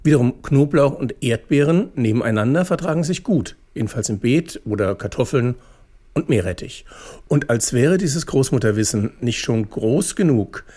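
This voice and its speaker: A male radio host presenting scripted satire. His voice is mellow and dark, and his delivery is wry and deadpan. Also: mid-range voice, moderate pace, slightly rough.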